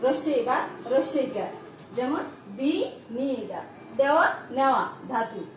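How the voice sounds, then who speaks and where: Female teacher, high voice, repetitive questioning style, distant mic in an echoey room. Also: lively intonation, unhurried, a little hiss or hum. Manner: repeats and asks rhetorical questions. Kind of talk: online grammar lesson.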